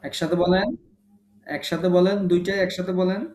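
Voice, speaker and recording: A man's voice: sits high, level tone, normal speed, a little mellow, roomy sound. A man teaching a recitation class online, patiently correcting students and modeling short vowel sounds for them to repeat. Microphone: online video call.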